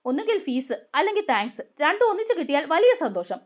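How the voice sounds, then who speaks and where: A woman's voice: high-pitched, big pitch swings, quick pace. A woman voicing a teasing young woman. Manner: playful, teasing.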